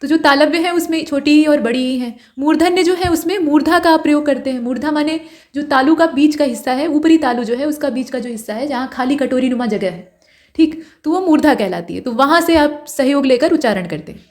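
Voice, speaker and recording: A woman with a high, light voice teaches an online exam-prep grammar class. She explains patiently and keeps checking that her students follow. She slows down to sound out each vowel and letter as an example. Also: a little mellow.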